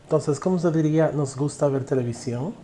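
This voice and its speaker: A man with a dark-toned voice on the high side leads a recorded online English grammar class, with slight background noise. He questions the viewer, then carefully and slowly speaks each example sentence in English.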